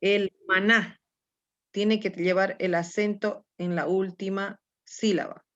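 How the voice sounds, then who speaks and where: A woman's voice: mid-range voice, steady tone, slow, highs cut off. A woman teacher leading a grammar lesson, coaxing her students along patiently and checking in with them often.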